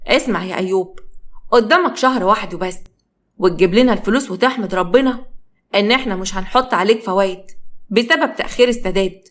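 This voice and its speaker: A woman's voice: medium pitch, fast, lightly acted. A woman voicing a stern male trader demanding his money back, in an Egyptian accent. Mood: angry. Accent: Egyptian Arabic. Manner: harsh, demanding.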